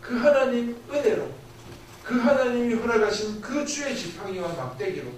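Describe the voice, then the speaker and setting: A man's voice: extremely high pitch, expressive, moderate pace, slight background noise. A man preaching a sermon as a missionary, giving an earnest testimony and asking the congregation rhetorical questions. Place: church sanctuary. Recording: very echoey church hall, distant.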